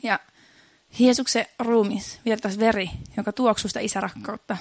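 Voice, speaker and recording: A woman's voice: mid-range voice, fairly even intonation, no echo, clean studio sound. A woman preaching a sermon in an earnest, repetitive way, building emphasis as she goes.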